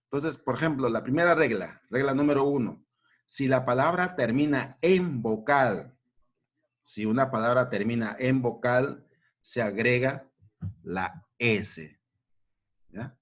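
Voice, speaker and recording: A man's voice: medium pitch, expressive, unhurried. A man teaching a grammar lesson to children, repeating each point and checking in with short questions.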